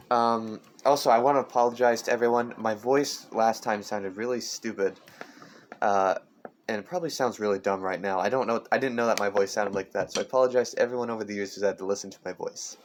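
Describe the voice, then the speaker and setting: A man's voice: fairly low pitch, steady tone, a little hiss or hum. Teen male podcast host, casual and rambling, homemade desk mic with audible clicks and knocks. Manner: rambling, halting, full of fillers and restarts. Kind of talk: casual chat. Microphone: amateur desk mic.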